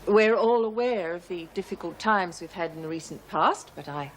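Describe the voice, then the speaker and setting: Female actor, measured middle-aged governor, formal and composed. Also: lowish voice, a little hiss or hum, natural voice, rough recording. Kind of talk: 1980s television drama acting.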